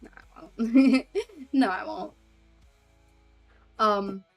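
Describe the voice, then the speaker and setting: A fairly high-pitched woman speaks extremely slowly as soft background music plays. She's a streamer and hobby voice actor chatting with viewers in a casual way, reading chat aloud, giggling often, and trailing off with fillers.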